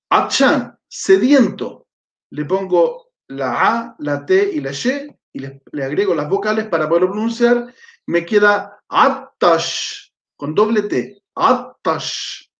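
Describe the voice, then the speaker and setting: A high-pitched man gives a patient language lesson, spelling out letters one by one and pausing to check his students follow. The sound is dull and lo-fi, with a noticeable echo from the room. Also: sing-song. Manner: slow, patient spelling out of letters and words, frequent checking "¿cierto?". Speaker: Arabic teacher. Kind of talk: live online language lesson.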